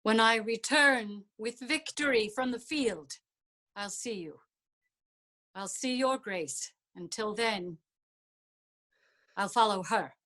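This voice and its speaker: A woman's voice: fairly high pitch, takes it slowly, long pauses, sharp tone. A woman playing an earnest young prince in a Shakespearean verse drama. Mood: resolute. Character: earnest young prince, loyal to his mother. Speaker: actor in staged reading.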